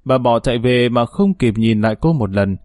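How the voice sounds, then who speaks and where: A man reading a dramatic story aloud as a storyteller, in a steady narrating manner. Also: mid-range voice, moderate pace, no room sound, studio quality.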